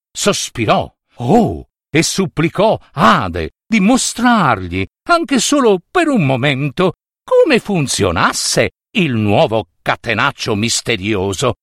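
A man narrating a myth as a storyteller, theatrical and drawn-out, with dramatic pauses. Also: mid-range voice, huge pitch swings, fairly bright tone, dry recording, studio quality.

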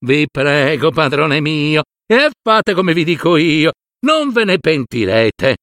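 Man doing a booted storybook cat, cunning, courtly, persuasive, higher voice, swooping pitch. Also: slow pace, no room sound, studio quality, full character voice. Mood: urgent. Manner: courtly and persuasive, bowing and flattering. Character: cunning, smooth-talking male cat in boots.

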